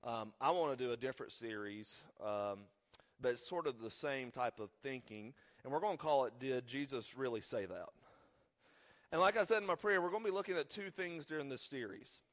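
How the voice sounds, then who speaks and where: Preaching a sermon in a church sanctuary while sick, a pastor wanders off into joking, self-deprecating asides. His mid-range voice is expressive, fairly quick, and fairly bright, even though he's under the weather.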